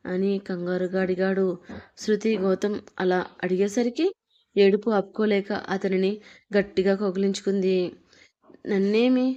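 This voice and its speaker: A woman narrates an audio story with a steady, expressive reading. Her voice is warm and mellow, at a middle pitch. The recording sounds dull and lo-fi. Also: moderate pace.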